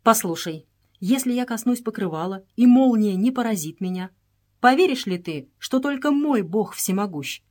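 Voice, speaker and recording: A woman's voice: fairly high pitch, lively intonation, moderate pace, a little mellow. Bold young englishman, firm and resolute, woman reading him in an audiobook. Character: bold young Englishman, calm commanding adventurer.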